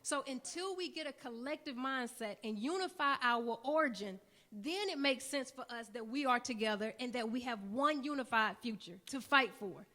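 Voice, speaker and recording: A woman with a fairly high voice speaks on a conference panel, earnest and persuasive. She builds her points up into rousing, repeated lines, and her talk is addressed to a room full of listeners. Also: moderate pace, pushed and bright.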